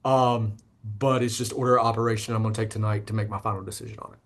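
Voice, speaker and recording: A man's voice: on the low side, fast. A man in his thirties teaching an online statistics class over a video call, checking in often with "okay?". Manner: relaxed, repeats "okay?" to check in. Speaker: instructor. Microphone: computer mic on a video call.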